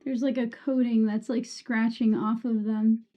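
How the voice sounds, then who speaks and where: Woman, livestreamer, slowish pace, sibilant S sounds, casual and sweary, self-deprecating, somewhat dull muffled microphone. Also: on the high side, flat delivery. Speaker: streamer. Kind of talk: casual livestream chat with viewers. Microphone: streaming microphone with EQ and compressor.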